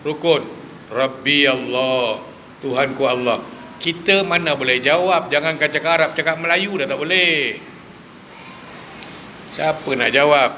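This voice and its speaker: A male preacher gives a lively sermon, firing rhetorical questions at his listeners and mixing in humor. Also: a little high, measured pace, long pauses, a little hiss or hum. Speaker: religious preacher.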